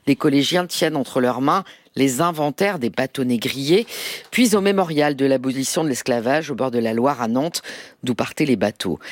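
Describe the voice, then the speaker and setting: A woman's voice: sits low, no echo. Woman reading a radio press review. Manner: reads with quoted testimonies, measured and clear.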